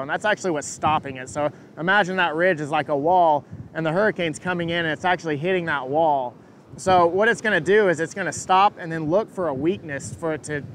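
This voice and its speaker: A man giving an unscripted live weather update as a forecaster, answering questions in a halting way and repeating words as he thinks. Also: fairly bright tone. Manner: hesitant, halting, repeats words mid-thought. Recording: engine rumble and wind noise.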